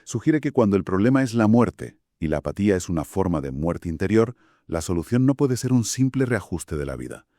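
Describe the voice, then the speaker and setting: A man from Spain co-hosting a Bible study podcast, explaining in a measured way. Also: deep voice, big pitch swings, warm tone, dry recording, studio quality. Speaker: podcast co-host.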